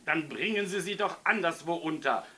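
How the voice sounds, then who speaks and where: A man voicing a flustered male town mayor who shouts in a high, excited voice. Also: normal speed. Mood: flustered, shouting. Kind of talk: storybook reading.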